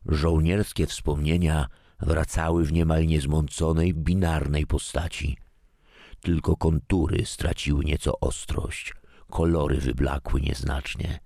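A man narrating a story in a calm, measured way. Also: very deep voice, dry recording, studio quality. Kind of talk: scripted narration.

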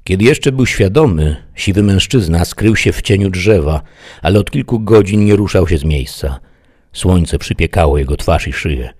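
Deep, husky male storyteller. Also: expressive, moderate pace, a little mellow. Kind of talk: dramatic audiobook narration.

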